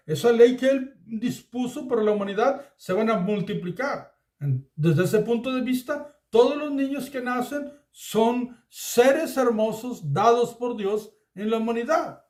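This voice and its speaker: A man with a high voice teaches scripture at an unhurried pace. He talks earnestly and warmly addresses his listeners as beloved. His voice rings in a roomy, echoey space. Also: animated. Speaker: Bible teacher. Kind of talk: Bible study sermon.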